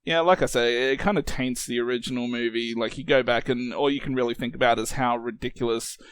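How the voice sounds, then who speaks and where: A man's voice: steady tone, fairly quick, smooth, dry recording. A man co-hosting a casual podcast about movies, laughing often and restarting his sentences. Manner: laughs often, restarts sentences, quotes lines in high put-on voices. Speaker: podcast co-host.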